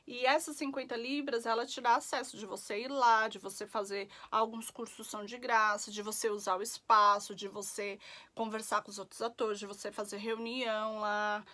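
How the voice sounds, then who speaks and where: A woman's voice: on the high side, level tone, moderate pace, bright, forceful tone. A young woman from Brazil chatting casually as a vlogger, full of fillers and tag questions. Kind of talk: casual chat.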